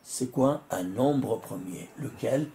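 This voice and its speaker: A man's voice: medium pitch, expressive, slow, warm tone, a little hiss or hum. A rabbi giving a Torah lesson to a class, working through sums aloud and quizzing his listeners with rhetorical questions.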